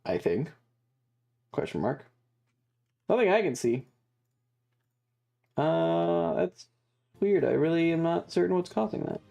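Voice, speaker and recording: A livestream host with a medium-pitched, dark voice chats casually over game music, very animated yet slow-paced, with vocal fry and frequent pauses. He swears freely during the gaming stream.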